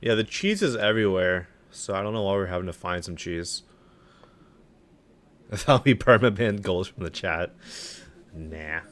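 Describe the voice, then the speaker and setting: A man's voice: sits low, animated, measured pace, long pauses, fairly bright tone. A young man giving casual live-stream commentary as he reviews game levels, offhand and dryly sarcastic, with plenty of filler words.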